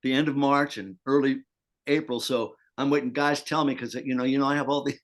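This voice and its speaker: A man's voice: mid-range voice, fairly even intonation, brisk. Chatty older man, meandering actor. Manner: chatty, meandering with many restarts. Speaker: interview guest, actor and teacher. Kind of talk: casual video interview.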